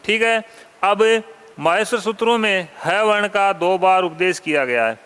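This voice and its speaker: A man teaching a Sanskrit grammar lesson, asking questions and answering them himself, repeating key terms slowly and dropping casual asides to students. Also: high-pitched, fairly bright tone, clean tone, in a large hall. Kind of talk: classroom lecture.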